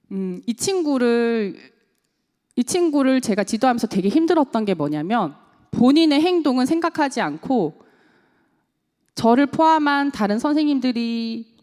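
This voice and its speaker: A woman, a parenting coach and teacher, giving a seminar talk to parents, asking the audience questions and acting out quotes. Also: a little high. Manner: animated, asks the audience questions and acts out quotes. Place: church hall. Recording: echoey church hall.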